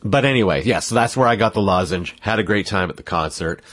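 Rambling through his podcast while congested from a cold, a man keeps interrupting himself and laughing at himself in a casual way. He talks fast in a fairly low, animated voice that's a bit bright, and there's no room sound.

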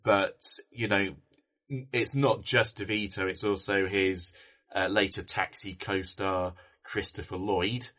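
Rambling male co-host, low-pitched and bright. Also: flat delivery, slow. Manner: rambling, many ums and restarts. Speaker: podcast co-host. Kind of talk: casual film chat.

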